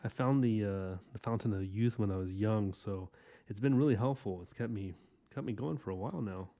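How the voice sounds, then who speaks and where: Thirtysomething guy rambling thru a drawing lesson, lowish voice, kinda warm, lots of restarts. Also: fairly quick. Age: 30s. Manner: rambling, loose and chatty, lots of fillers and restarts. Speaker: artist hosting a drawing podcast. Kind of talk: casual drawing tutorial while sketching.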